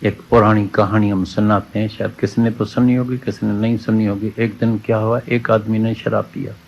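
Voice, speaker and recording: A man's voice: fairly low pitch, little pitch movement, moderate pace, gravelly. A man giving a satsang sermon, preaching with repeated key words and quoted scripture lines, on dull lo-fi audio. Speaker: spiritual teacher. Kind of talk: Hindi satsang sermon with a told parable.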